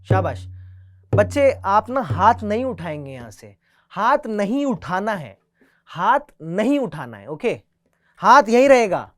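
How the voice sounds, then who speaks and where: A man's voice: high voice, very animated, unhurried, dry recording. A man teaching a beginner tabla class, mixing Hindi with English, patiently repeating each instruction and reciting the drum syllables aloud.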